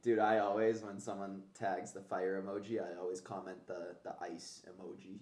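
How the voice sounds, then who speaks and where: A man's voice: low voice, little pitch movement, normal speed, darkish tone. A man hosting a casual fitness podcast, talking conversationally with gym-bro slang and casual swearing. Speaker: podcast host. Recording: roomy, echoey sound.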